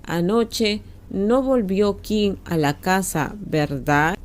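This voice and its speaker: A man's voice: high voice, animated, slow pace. A woman voicing Daniel, a mocking man who provokes with a laugh in his throat. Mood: taunting. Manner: taunting, chuckling.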